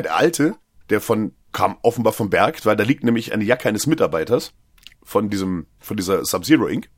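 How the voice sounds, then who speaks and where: A man with a slightly husky voice casually recounts a horror film scene by scene. He often says "äh" and briefly takes on the characters' lines. The sound is dry and close to the mic. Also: on the low side, dry recording. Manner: retells scenes, acting out quotes with filler words. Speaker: podcast co-host.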